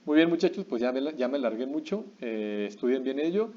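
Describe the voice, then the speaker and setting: A man giving a recorded writing lesson, using many fillers and tag questions and slowing down to spell out examples. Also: mid-range voice, animated, a little mellow. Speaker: teacher. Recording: dull lo-fi recording.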